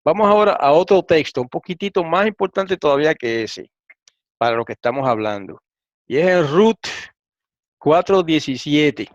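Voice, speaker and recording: A man teaching a lesson, reading transliterated Hebrew and Greek slowly and asking frequent rhetorical questions. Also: a little high, lively intonation, no room sound. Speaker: Bible teacher. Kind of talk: lecture explaining Hebrew and Greek texts. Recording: dull, slightly lo-fi and dry.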